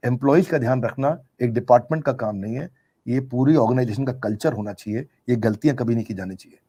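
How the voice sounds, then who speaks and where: A man's voice: mid-range voice, fast talker, mellow, husky. A middle-aged man answering interview questions in an earnest, emphatic way, repeating key phrases for effect. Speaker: business coach being interviewed.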